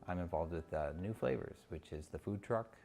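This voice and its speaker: A man from North Dakota who works in community relations, speaking in a documentary interview with a halting delivery and many pauses. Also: deep voice, creaky, darkish tone, faint music behind. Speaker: city community relations officer.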